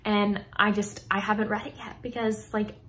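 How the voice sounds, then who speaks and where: Set in a small indoor room lined with bookshelves, this clip features a woman in her twenties chatting to camera as a book vlogger, informal, gushing and emphatic. Her mid-range voice is a bit bright, with flat delivery at a normal speed.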